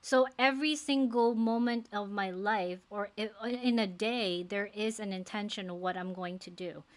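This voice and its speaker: This is a casual to-camera talk by a faith-based life coach, a Filipino-accented woman in her forties from the Philippines who speaks English as a second language. Earnest and full of fillers, she talks at normal speed in a mid-range voice.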